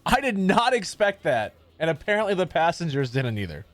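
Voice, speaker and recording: A man reacting casually to jokes, bantering and commenting in an expressive way. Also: on the high side, fairly quick, no echo. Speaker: reacting listener in a joke session. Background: music.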